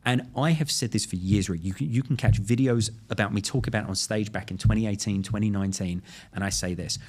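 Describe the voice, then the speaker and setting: A man with a London accent, a guest in a podcast interview who tells stories in an animated way. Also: fairly low pitch, fast. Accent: London English. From London, England. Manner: animated storyteller, acts out quoted voices. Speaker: guest, crypto lawyer.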